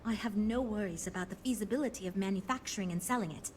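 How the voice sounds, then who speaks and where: An actress playing an earnest, diplomatic woman who leads a design team, speaking in a measured, businesslike way in a video game. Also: medium pitch, a little mellow, a little hiss or hum, close to an everyday voice. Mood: cautiously hopeful. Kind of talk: scripted game dialogue.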